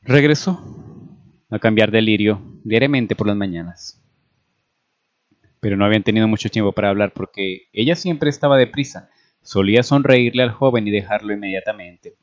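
A man with a fairly low voice narrates a story aloud in a measured, steady way. The recording sounds dull and lo-fi. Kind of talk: reading a fan story aloud.

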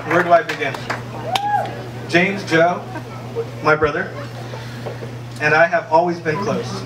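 A man's voice: a little high, far from the mic. A young man giving a best man's toast, reading from a page into a handheld microphone, a little nervous and laughing at his own jokes. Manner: nervous, laughs between lines. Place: large wedding tent, indoors. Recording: echoey room, mic heard from afar, crowd noise.

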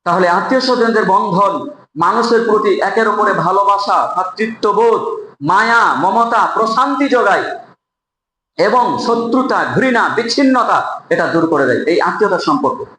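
A man preaching a Friday sermon to a congregation in a mosque, speaking emphatically, asking rhetorical questions and chanting verses in a drawn-out way. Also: high-pitched, lively intonation, sharp tone, a little hiss or hum. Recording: echoey hall.

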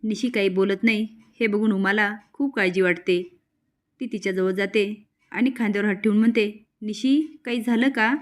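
A woman narrating a recap of a drama serial in a steady, matter-of-fact storytelling manner. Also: medium pitch, brisk.

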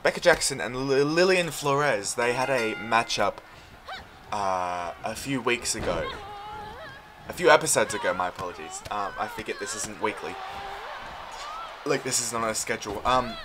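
A man doing casual play-by-play commentary over a wrestling video game, rambling between moves and shouting when big moves land. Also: lowish voice, animated, moderate pace, noisy background. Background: game music.

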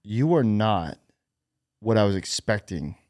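A young man hosting a podcast in a studio, relaxed and conversational, asking questions and retelling exchanges. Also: on the low side, a little slow, no room sound. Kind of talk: casual conversation. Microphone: studio boom mic with headphones.

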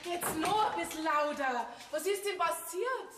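An actress playing a sharp, indignant village woman. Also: very high-pitched, animated, unhurried, exaggerated voice. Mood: scolding. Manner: sharp, scolding, interrogating. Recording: echoey stage, noisy.

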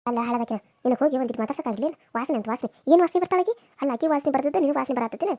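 A spoiled young village woman in a cartoon serial, voiced by a woman. She sneers and complains in a high, rapid voice. The recording is dry. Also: expressive, warm tone, no room sound. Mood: scornful.

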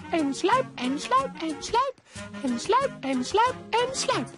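A performer voicing a cheerful male cartoon mouse who encourages young viewers in a bright, sing-song way. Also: very high voice, sing-song, slow, full character voice. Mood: encouraging. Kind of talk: cartoon dub voice acting. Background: music.

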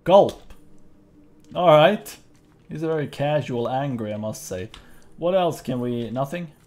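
Lively man playing a video game. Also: mid-range voice, unhurried. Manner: playful, chatty, laughs often. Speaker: gaming YouTuber. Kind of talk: let's play commentary, reading game dialogue aloud.

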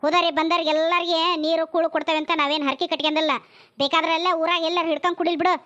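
Actress as a sharp-tongued North Karnataka village woman, high and quick, muffled lo-fi sound. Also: little pitch movement. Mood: scolding. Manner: sharp scolding, turns tearful and pleading. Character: quarrelsome village woman of the house. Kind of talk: village comedy drama acting. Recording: dull lo-fi sound.

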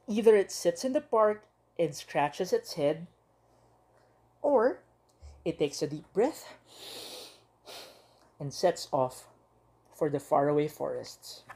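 A woman teacher reads a children's picture book aloud with lively expression and dramatic pauses. Her voice sits slightly low and has a warm, mellow tone. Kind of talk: storybook read-aloud for young children.

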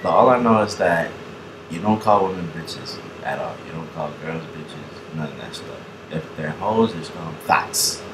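A young man with a low voice gives loose reaction commentary, swearing freely and breaking into laughs. The room is echoey, and an air conditioner hums clearly behind him. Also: moderate pace, noisy background. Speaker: reaction video host.

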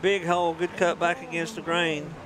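A man doing folksy live play-by-play football commentary, making a touchdown call outdoors at a high school game. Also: little pitch movement, normal speed. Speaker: play-by-play announcer. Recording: noisy outdoor stadium ambience.

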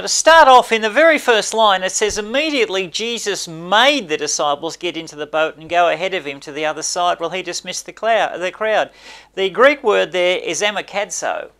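An older pastor delivers a sermon in a small church, speaking to a camera. He preaches emphatically and gestures a lot, rising on key words and sinking his voice low at the close of each point. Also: sharp tone. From Australia. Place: small indoor church space by a brick wall.

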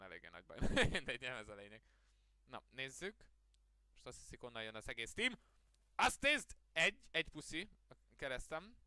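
A man streaming video games live, talking to his chat in an excitable way, muttering one moment and yelping the next, often cutting off curses mid-word. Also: mid-range voice, dry recording. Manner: excitable, swings between muttering and yelping outbursts. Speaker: game streamer. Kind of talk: live gaming stream commentary.

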